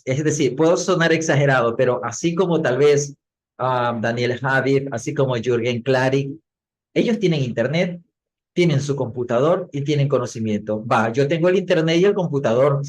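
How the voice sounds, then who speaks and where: A middle-aged man, a public speaking coach, telling his story as a podcast guest in an animated way, acting out what he said back then. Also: medium pitch, normal speed. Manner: animated, acts out his own past words.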